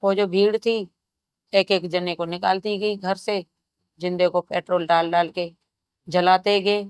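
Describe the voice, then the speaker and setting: A woman in her fifties gives a grave, steady personal testimony in an interview, telling it in short phrases. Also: medium pitch, clean tone, no room sound. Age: 50s. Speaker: survivor interviewee.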